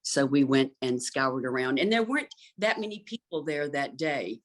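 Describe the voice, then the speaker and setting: Her voice is very deep and expressive, moving at a normal speed, as this middle-aged interior designer talks casually about gardens. She sounds thoughtful and fluent, though she says "um" a lot.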